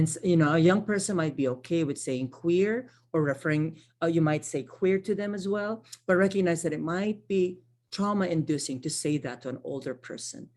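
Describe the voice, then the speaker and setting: Presenting a training workshop online, a Filipina social worker and Tagalog speaker talks conversationally, checking in with "right?" and rephrasing herself often. Her voice is lowish and a little mellow.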